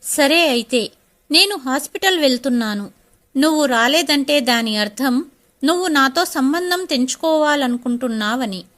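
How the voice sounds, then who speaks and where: A stubborn, hurt young wife, as a woman narrator puts her on, pleading in a high, bright voice. Her voice sits well above speaking pitch and rings out sharply. She speaks like a figure in a told audio story. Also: expressive, moderate pace. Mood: upset.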